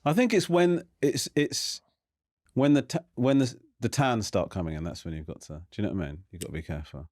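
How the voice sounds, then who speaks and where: A man's voice: on the low side, brisk, a little mellow. A man hosting a casual comedic podcast chat, teasing his guest and reading out quotes. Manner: playful, teasing, reads out quotes. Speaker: podcast host.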